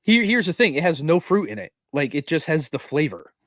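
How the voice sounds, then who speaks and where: A man's voice: on the high side, sing-song, fairly quick, dry recording. A man co-hosting a casual streamed podcast chat, often repeating words as he starts a sentence. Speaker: podcast co-host.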